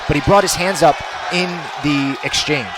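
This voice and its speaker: A man's voice: fairly high pitch, normal speed, shouting, crowd noise, noisy background. A man giving conversational color commentary and analysis on a live fight. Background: music.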